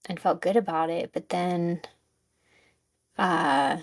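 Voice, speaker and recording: A woman giving a casual guided self-help talk as a coach, informal and tentative as she searches for words, with a creaky voice. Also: fairly low pitch, slow, no echo. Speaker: wellness coach and host.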